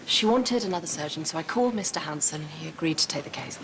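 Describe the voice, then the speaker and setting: A woman's voice: sits low, animated, fast talker, fairly bright tone, rough recording. A woman playing a matter-of-fact ward nurse in a TV hospital drama, speaking plainly and in a businesslike way. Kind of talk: scripted TV drama dialogue.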